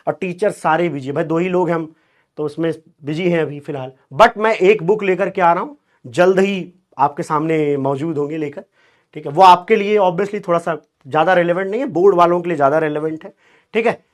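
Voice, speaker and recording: A man teaching chemistry in an online class, animated and teasing, quizzing his students. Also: on the high side, brisk.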